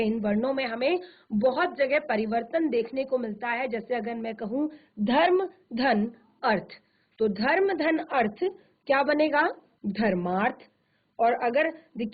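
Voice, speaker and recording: A woman teacher with a high voice leads a grammar lesson at an unhurried, drawn-out pace. She repeats each point and answers her own questions. The sound is thin and narrow, like a phone line. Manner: slow, repetitive, asks questions then answers them herself. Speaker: Hindi teacher. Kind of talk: virtual classroom grammar lesson. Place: studio for broadcast classes.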